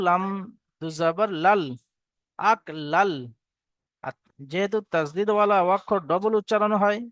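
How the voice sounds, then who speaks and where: A man teaching Quran recitation to students, spelling out each letter and vowel and then chanting the verse slowly. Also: sits high, fairly bright tone, clear, resonant tone, no echo. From Bengal.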